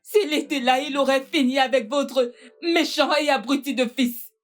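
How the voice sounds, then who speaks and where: A woman's voice: high-pitched, steady tone, normal speed, lightly acted. A woman voicing an indignant middle-aged mother in a dubbed film drama. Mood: furious. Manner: indignant, scolding. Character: outraged middle-aged mother defending her daughter. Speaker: mother of a wronged daughter.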